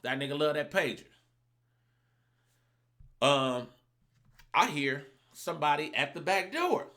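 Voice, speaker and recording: A man tells a story from his own life in a loose, profane monologue. His voice sits a little high and sounds bright and forceful. He keeps acting out what other people said. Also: slow. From Los Angeles. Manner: animated, profane, acts out other people's lines. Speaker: vlogger telling a personal story.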